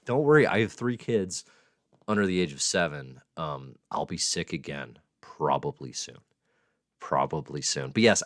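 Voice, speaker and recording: A man's voice: low voice, no room sound, clean studio sound. A man in his thirties hosting a casual live stream from a room at home, rambling and joking at his own expense. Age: 30s. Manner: rambling, self-mocking jokes. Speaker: host.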